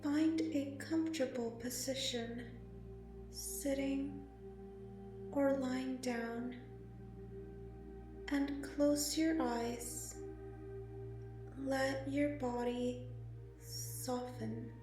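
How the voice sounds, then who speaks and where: Slow soothing woman guiding meditation. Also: high voice, steady tone. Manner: slow, soft and soothing, with long pauses. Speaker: meditation guide. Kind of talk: guided meditation narration. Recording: very echoey, slightly distant, music behind. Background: meditation music and singing bowl.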